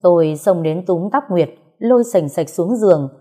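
A woman narrates a first-person audio story at a steady, even pace. Her voice sits on the low side for a woman. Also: moderate pace, slightly rough.

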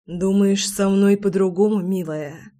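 A woman reading aloud and voicing a tender, teasing young husband in a soft murmur. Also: fairly even intonation, unhurried, close to an everyday voice. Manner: hushed, low murmur.

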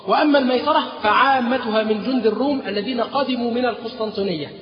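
Fast, high-voiced Egyptian preacher in a hall. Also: male voice, crowd noise. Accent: Egyptian Arabic. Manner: storytelling with rhetorical fill-in questions to the audience. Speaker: religious lecturer. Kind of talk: religious history lecture. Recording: dull, echoey hall recording.

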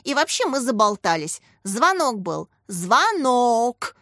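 A woman's voice: a little high, sing-song, normal speed, a bit bright, no room sound, studio quality. A woman voicing a chatty, clever schoolboy who argues eagerly and exclaims often. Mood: lively.

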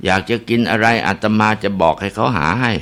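A man voicing an older male village abbot who speaks calmly and with authority. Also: lowish voice, a little fast. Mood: coaxing. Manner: calm, then commanding.

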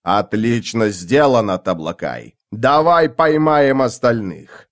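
A man reading an audiobook, voicing an undead masked male warrior whose voice is booming and metallic. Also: animated, slow. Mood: exultant.

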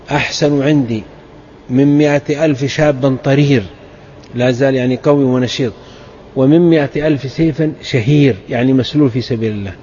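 Fast-talking male preacher, muffled recording. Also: medium pitch, warm tone, a little hiss or hum. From Saudi Arabia. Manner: fervent, rising to emphatic exhortation. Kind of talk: sermon storytelling.

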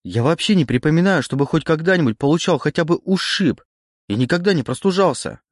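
A man's voice: mid-range voice, big pitch swings, moderate pace, no echo, clean studio sound, pitched above the performer's own voice. A man reading an audiobook, voicing a confused, frightened young man with a pleading, rising panic. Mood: frantic.

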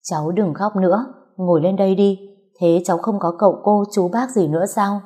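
A woman's voice: mid-range voice, brisk, slightly rough, close to an everyday voice. A kind consoling middle-aged woman, read by a woman. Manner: gentle, soothing.

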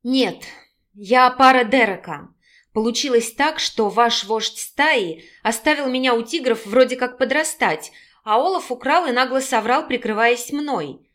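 Storybook heroine: young, fiery, sarcastic and sharp-tongued , read by a woman. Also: on the high side, unhurried. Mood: resigned. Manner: sarcastic, yelling.

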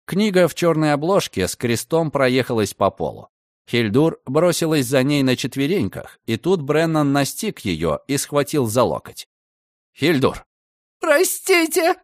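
A man's voice: mid-range voice, normal speed, dry recording, clean studio sound. Man narrating expressively. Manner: expressive, dramatic reading. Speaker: audiobook narrator. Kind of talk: scripted narration.

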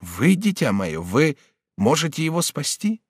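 Man putting on a nervous motherly older lady, raised pitch, fussing. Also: very animated, a little slow, husky, no room sound, studio quality, full character voice. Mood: anxious. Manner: anxious, fretful.

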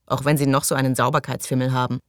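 A woman reading the lines of a coarse, sneering man in an audiobook, scornful and crude, her voice low and the sound dry. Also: flat delivery, very fast, dry recording.

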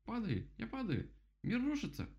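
Man voicing a high, jabbering storybook woodpecker, bouncy, gravelly, dull recording. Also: sing-song, a little mellow. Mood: alarmed. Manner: rapid-fire, repeats words. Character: chattering excitable male woodpecker.

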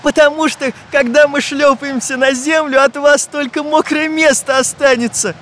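A man voicing a bold, cheeky young boy who talks in a teasing, lively way. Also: very high-pitched, moderate pace, a little hiss or hum, voice pushed up.

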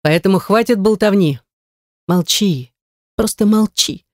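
A woman voicing a cruel, mocking young man who speaks in a hushed, menacing voice. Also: mid-range voice, measured pace, no room sound, clean studio sound, voice pushed up, natural voice. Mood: whispered threat.

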